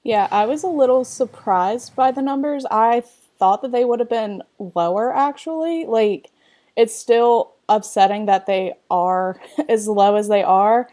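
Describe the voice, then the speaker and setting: A woman with a mellow, warm tone speaks candidly in a casual discussion. She talks loosely and leans on "like" as she goes. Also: fairly high pitch, unhurried. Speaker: discussion participant.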